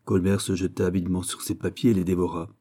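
A man reading a classic novel aloud as narrator, in an even, deliberate storytelling manner. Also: sits low. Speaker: audiobook narrator. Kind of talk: scripted literary narration.

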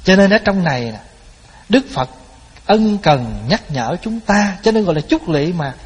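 Husky-voiced monk preaching in a hall. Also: male voice, sits high, very animated, measured pace. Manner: folksy storytelling, addresses listeners directly, chants verses. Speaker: Buddhist monk giving a dharma talk. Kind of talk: sermon. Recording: hall with long reverb.

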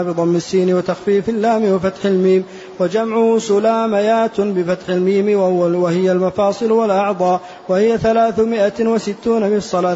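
A man reading a classical text aloud to his teacher in a steady recitation, spelling out vowel markings word by word. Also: sits high. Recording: dull lo-fi lecture recording with faint hiss.

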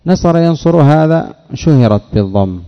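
A man teaching a classroom lesson, putting questions to his students and drilling word patterns slowly. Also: on the high side, expressive, clear, resonant tone. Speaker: teacher of Arabic morphology. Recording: dull audio with long hall reverb.

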